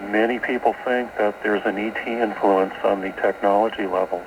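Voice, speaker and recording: A man with a lowish voice and fairly even intonation speaks a little fast against a noisy background. He is a guest author interviewed on a radio show, explaining esoteric ideas and often repeating words as he goes. The audio was taped off air from a shortwave broadcast.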